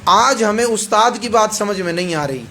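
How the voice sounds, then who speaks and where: Male preacher, pakistani urdu accent, high pitched, emphatic, repeats himself. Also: expressive, sharp tone, a little hiss or hum. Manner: emphatic, repeats phrases and asks the audience for agreement. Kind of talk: weekly hadith sermon.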